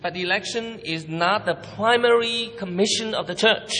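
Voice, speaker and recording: A man's voice: high voice, moderate pace, bright, forceful tone. A man interpreting a sermon into English at a pulpit microphone in a large church hall. He follows each phrase closely, with small slips and restarts. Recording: long hall reverb.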